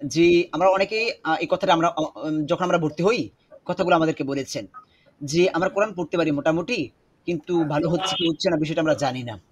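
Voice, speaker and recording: In an online class over a video call, a man with a fairly high, husky voice teaches Quran pronunciation. He explains slowly and repeats words to drill them.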